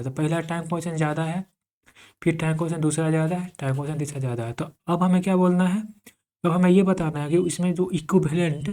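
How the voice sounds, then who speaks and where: Dark-voiced man lecturing with repeated questions. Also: on the high side. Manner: repeats key terms, quizzes the class; dictates slowly for note-taking. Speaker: electrical engineering lecturer.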